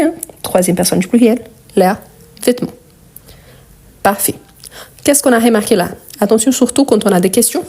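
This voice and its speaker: This French teacher speaks low and mellow, her Brazilian accent reflecting her native Portuguese. During a live lesson she patiently explains grammar, repeating points and spelling out the endings.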